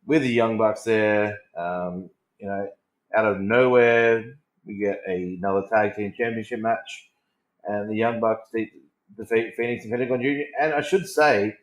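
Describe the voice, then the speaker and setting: A man's voice: on the low side, normal speed. A man talking casually and enthusiastically as an informal fan on a wrestling podcast. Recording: roomy, echoing voice recording.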